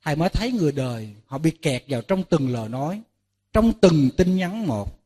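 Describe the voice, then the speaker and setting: A Buddhist monk preaches to a gathered audience in a fairly high voice. He tells lively stories and plays out both sides of conversations. He keeps turning to the listeners with rhetorical questions. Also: fairly quick. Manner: lively storytelling, acting out dialogues with listeners. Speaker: Buddhist monk giving a dharma talk. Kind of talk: sermon to a lay audience.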